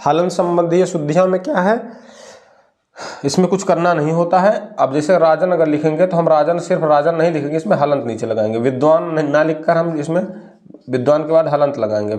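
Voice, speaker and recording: A young male teacher with a fairly high voice leads a spelling drill. He asks a question and then answers it himself. He stretches key words out slowly. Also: a little mellow. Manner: drags out words slowly when stressing them. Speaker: Hindi teacher. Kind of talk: classroom spelling lesson.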